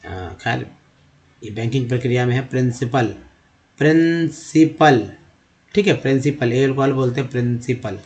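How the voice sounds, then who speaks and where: Casting male teacher reading a word-list lesson over slides, mid-pitched voice, repeats and drawls each word for pronunciation. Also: a little mellow, dull audio. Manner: repeats each word slowly, stretching sounds to show pronunciation. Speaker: English teacher.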